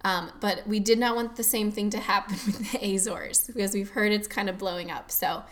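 A woman's voice: mid-range voice, steady tone, fairly quick, fairly bright tone. A young woman from the US Midwest co-hosting a casual podcast at home. She talks chattily and laughs often. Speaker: podcast co-host. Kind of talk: casual chat.

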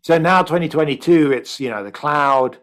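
Brisk explaining man on a video call. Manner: brisk, explanatory, lively pitch. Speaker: economist guest. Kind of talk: conversational interview answers.

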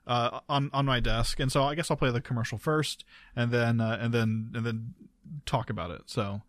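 A man hosting a casual chat, halting and often repeating words as he searches for the next. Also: medium pitch, steady tone, no echo. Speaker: show host.

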